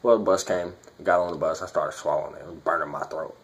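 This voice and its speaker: A man with a low voice speaks with his lip packed full of dip. He talks like a casual vlogger giving a review or telling a story, blunt and quick to swear. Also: fairly even intonation. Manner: blunt, profane.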